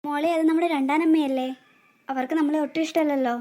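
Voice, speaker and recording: A woman voicing a kind older sister in a cartoon, gentle and soothing toward her little sister. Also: high voice, steady tone, fast, close to an everyday voice. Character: kind protective older sister, young girl.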